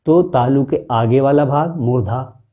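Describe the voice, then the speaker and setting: A man teaching a pronunciation lesson, patiently sounding out consonants one by one and asking the viewer where each sound comes from. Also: medium pitch. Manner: patient, demonstrative, repeating sounds slowly and quizzing the viewer. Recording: dull lo-fi recording.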